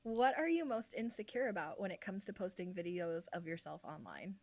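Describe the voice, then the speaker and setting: Woman podcast co-host, casual and encouraging, slightly low voice. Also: very animated, brisk, a little mellow, dry recording. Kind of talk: casual interview chat.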